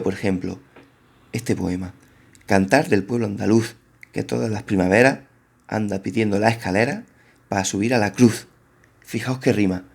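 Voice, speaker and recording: Man, teacher explaining to a class, low-pitched, laid-back and chatty. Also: vocal fry, darkish tone. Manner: casual, colloquial teacher talk with slang and restarts. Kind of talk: explaining a lesson to students.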